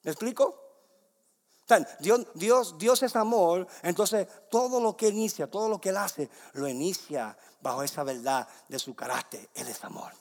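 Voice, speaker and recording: A young adult man preaching a sermon, moving between loud emphatic declarations and soft hushed passages. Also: high-pitched, expressive, a little slow. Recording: long hall reverb.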